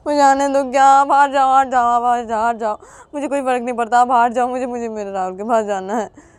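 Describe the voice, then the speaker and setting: A tearful young man in a spoken storybook, sobbing and repeating himself as he begs his sister to let him go, as a woman storyteller puts him on. The voice sits high. It is recorded close and dry. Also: steady tone, fast, smooth, dry recording, close to an everyday voice. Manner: sobbing, repeating words in pleas.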